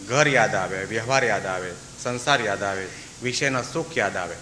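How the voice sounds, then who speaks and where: Lower-pitched and sharp in tone, a man at a moderate pace gives a devotional sermon as a swami. He performs the characters' lines in his story and now and then sings verses. Echo and a faint hiss color the hall recording.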